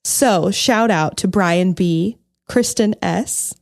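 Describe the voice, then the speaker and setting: A woman's voice: mid-range voice, slow pace, creaky, no echo, studio quality. A young woman co-hosting a podcast in casual chat, bubbly and giggly, filling her talk with "like". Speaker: podcast co-host.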